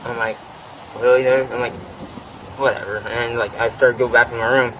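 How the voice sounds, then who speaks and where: A man of middle pitch tells his side of a fight to a deputy, swearing constantly and clearing his throat as he rambles. He is caught outdoors on a body camera mic, with steady noise hissing under his voice. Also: fast. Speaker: witness interviewed by deputy. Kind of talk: bodycam interview, agitated retelling. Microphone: officer's body camera. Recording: noisy outdoor bodycam audio.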